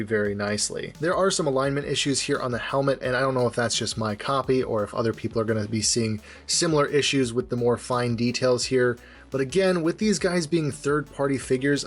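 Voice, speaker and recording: A man casually reviewing collectible action figures in detail, talking in a chatty, measured way. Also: mid-range voice.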